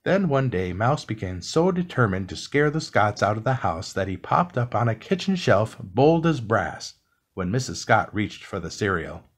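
A man reading a children's book aloud as calm bedtime narration, soft and unhurried. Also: on the low side. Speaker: storybook reader.

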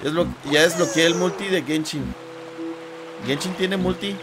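Young Mexican male streamer, shouty and hyped, highish voice, game music behind. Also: normal speed. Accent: Mexican Spanish. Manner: loud, excitable, jokey with chat. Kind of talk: casual gaming stream chat.

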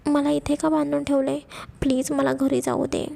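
A woman's voice: sits high, little pitch movement, moderate pace, vocal fry, mellow. A woman voicing a frightened young woman held captive, tearful and begging to be let go, in an audio story. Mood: pleading. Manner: pleading, begging.

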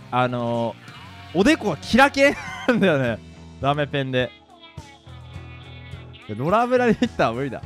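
A man's voice: a little high, a bit bright. A young man, a pro gamer, telling rambling, self-mocking childhood stories in casual chat while he plays a game. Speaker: pro gamer and video creator. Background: faint game music.

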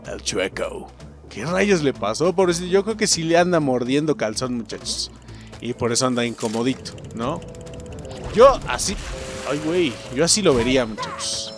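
A man's voice: medium pitch, normal speed, faint music behind. A young adult man with a Mexican accent giving casual, profane gameplay commentary and keeping up a running chat with his viewers. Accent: Mexican Spanish. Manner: excitable, profane, keeps addressing the viewers. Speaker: let's play host.

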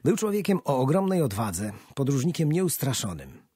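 A man voicing a solemn elderly gentleman giving a ceremonial speech in a storybook. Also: mid-range voice, big pitch swings, moderate pace, husky, no room sound, clean studio sound, pitched above the performer's own voice.

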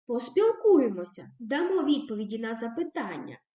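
A woman teacher giving a recorded reading lesson to young children, asking questions and praising the answers in a slow, sing-song way. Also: fairly high pitch, sing-song, warm tone, echoey room, muffled recording. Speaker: primary school teacher.

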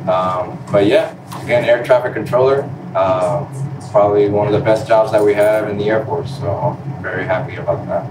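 Sitting on a stage in a big indoor room, a twenty-something panel guest from Puerto Rico and Florida describes his work as an Air Force air traffic controller, speaking politely and off the cuff. His voice is on the low side at normal speed, and the distant mic catches roomy echo and room noise.

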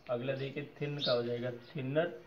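A man's voice: mid-range voice, steady tone, normal speed. A man teaching English grammar, spelling out word endings and often checking that his viewers follow. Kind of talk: explaining grammar lesson. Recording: slightly dull recording with faint noise.

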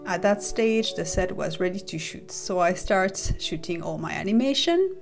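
A woman narrating a step-by-step model-making tutorial as a voice-over, calm and methodical as she explains each stage. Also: on the low side, normal speed, vocal fry, over music. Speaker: model maker explaining her build.

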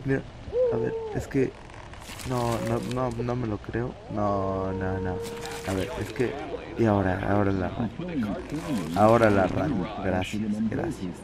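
A man's voice: lowish voice, fairly even intonation, a little slow. A man playing a horror video game at home at night, nervous and jumpy, laughing from nerves and repeating his words. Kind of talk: nervous let's-play commentary.

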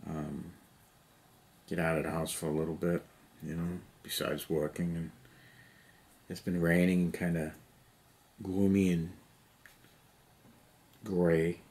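Slight background noise accompanies a middle-aged hobby vlogger with a low, darkish voice as he paints miniatures in a cluttered basement room. He talks rambling and casual to a camera on the table beside him, repeating "you know" often.

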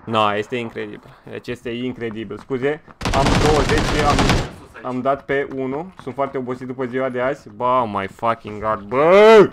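A man from Romania streaming a game live, excitable and swearing freely as he thanks donors between fights. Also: mid-range voice, heavy background noise. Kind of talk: live gameplay stream commentary.

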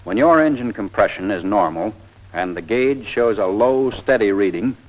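This fairly low-pitched American man narrates a scripted 1940s training film at a moderate pace with lively intonation. He takes on a folksy, plain-spoken, methodical instructor's tone over a dull, band-limited film soundtrack.

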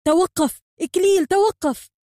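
A woman's voice: a little high, steady tone, very fast, no echo, clean studio sound, natural voice. A woman voicing a stern, hot-tempered young male hero who speaks sharply and gives orders. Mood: angry. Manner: sharp and commanding.

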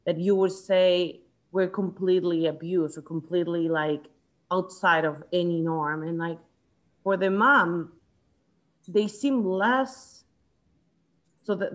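Woman, thirties, lowish voice, from Chile, book club leader, thinking aloud, video call. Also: low-quality recording. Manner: thoughtful, restarts often, gestures while talking. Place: home room, indoors. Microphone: video call webcam.

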